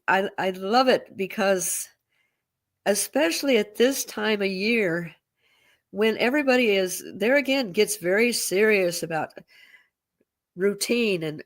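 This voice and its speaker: A woman co-hosting a casual chat, speaking reflectively and often repeating words as she gathers her thoughts. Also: medium pitch. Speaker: co-host.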